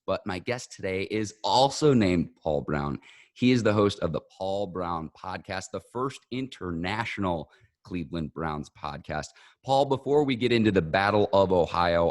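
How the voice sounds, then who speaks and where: Male sports podcast host with a fairly low pitch and dry, room-free sound. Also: no room sound.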